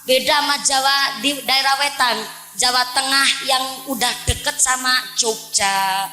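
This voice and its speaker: A woman's voice: sits high, measured pace, bright, forceful tone, reverberant, poor audio. A woman preacher from Central Java with a Banyumas Javanese accent, giving a playful, joking sermon to a village crowd and often addressing the men as "Pak". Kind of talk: humorous religious sermon. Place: village religious gathering.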